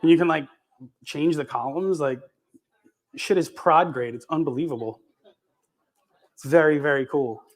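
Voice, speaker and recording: A man's voice: on the high side, normal speed, long pauses. A man giving a live conference tech demo in a loose, profane, filler-heavy way while chewing gum. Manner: casual, profane, lots of fillers and restarts. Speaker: conference speaker. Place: conference stage with audience.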